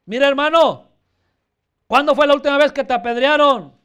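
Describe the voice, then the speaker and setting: Very high-voiced fervent male preacher. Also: normal speed, pushed and bright. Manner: fervent, repeatedly addressing listeners as brother. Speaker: pastor. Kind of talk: sermon.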